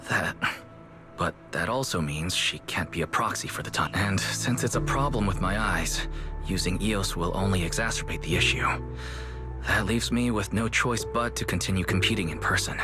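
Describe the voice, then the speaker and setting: An actor voicing a calm, gentle young man in a video game, speaking in a measured way. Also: deep voice, natural voice. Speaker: proxy protagonist. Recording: game audio with music behind.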